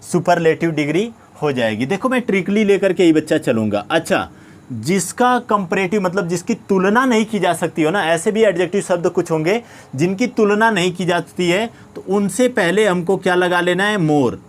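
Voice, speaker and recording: A man's voice: high voice, expressive, moderate pace. A man with an Indian accent teaching a grammar lesson, asking questions and answering them himself while often checking understanding. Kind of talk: classroom-style grammar lesson.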